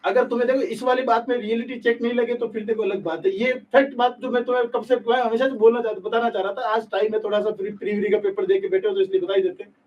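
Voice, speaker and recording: A man's voice: high-pitched, steady tone, quick pace, far from the mic, highs cut off. A man teaching a live online class for nursing exams, speaking bluntly and scolding his students. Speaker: nursing exam coaching teacher. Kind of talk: live-stream lecture, candid rant.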